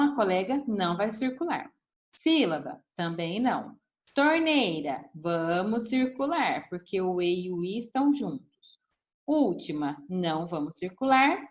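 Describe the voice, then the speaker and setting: A woman teacher, patiently explaining a grammar lesson step by step to children and often checking in with "tá bom?". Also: medium pitch. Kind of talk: recorded remote lesson. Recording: dull lo-fi recording.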